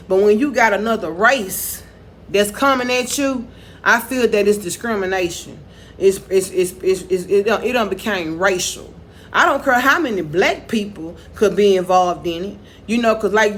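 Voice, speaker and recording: A woman vlogging in a loose, rambling monologue. She repeats herself, restarts her sentences and keeps saying "you know." Her voice sits at a middling pitch. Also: fairly bright tone, slight background noise. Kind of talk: casual monologue to camera.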